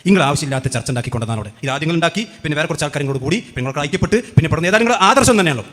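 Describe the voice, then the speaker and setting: A man's voice: fairly high pitch, expressive, fairly bright tone. A man giving a heated religious rebuttal, mocking and firing off rhetorical questions. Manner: sarcastic, mocking, rapid-fire questions. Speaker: religious speaker. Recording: echoey hall with long reverb.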